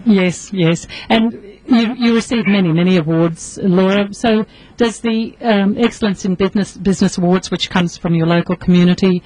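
A woman's voice: medium pitch, normal speed, a little mellow, rough recording. Chatty woman radio host. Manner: chatty, laughs often. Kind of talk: casual radio interview. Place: radio studio. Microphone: studio microphone.

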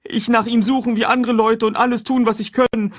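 Brief: timid, simple man pleading in broken speech, pitched high and husky. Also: sing-song, measured pace, exaggerated voice. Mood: pleading terrified. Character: frightened hungry grown man, pleading and simple. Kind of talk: audiobook character voice.

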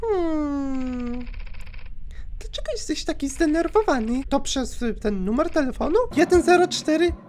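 A man putting on a high, breathy yandere girl who stalks her ex from a video game. She drawls slowly and sweetly in a taunting sing-song, her pitch swinging wide, and slides into whispers. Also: lively intonation, a little mellow, a little hiss or hum. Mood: sweetly menacing. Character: creepy obsessive young woman yandere ex-girlfriend. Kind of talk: dubbing a game's dialogue.

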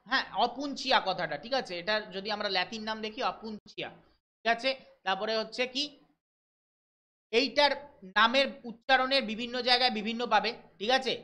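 A man from West Bengal teaching a live online exam-prep class, reading English questions out slowly and explaining them briskly while checking in with his students. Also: high voice, sharp tone. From West Bengal, India. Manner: brisk, keeps checking in with listeners.

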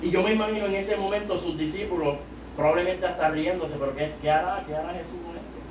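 Quick-paced and fairly even in intonation, this man's high-sitting voice has a Puerto Rican Spanish accent. A young adult evangelist from Puerto Rico, he exhorts a youth service from a small church pulpit through a handheld mic, reaching loud, emphatic climaxes. The far camera yields an echoey, noisy sound.

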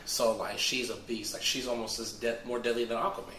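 A man hosting a casual movie news show, hoarse as his voice comes back, talking in a laid-back, slangy and enthusiastic way. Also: medium pitch, level tone, brisk, sharp tone, slight background noise. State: hoarse, recovering voice. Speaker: host. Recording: echoey room.

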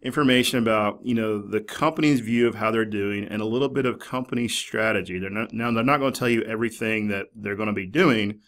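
This university librarian, a man in his 40s with a lowish, slightly bright voice, presents a casual screencast tutorial from a small indoor office. He talks fairly quickly with hardly any pauses, hedging conversationally with "basically" and "kinda."

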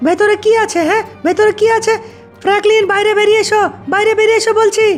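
A woman's voice: extremely high pitch, flat delivery, quick pace, faint music behind. A woman dramatically voicing a comic game skit, whiny and sobbing. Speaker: game video voice-over for several figures.

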